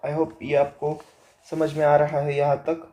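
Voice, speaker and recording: A male teacher with a sore throat giving a lesson in a slow, deliberate way, reading the textbook aloud and then explaining it while mixing Hindi and English. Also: on the high side, monotone, dark tone. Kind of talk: classroom lecture.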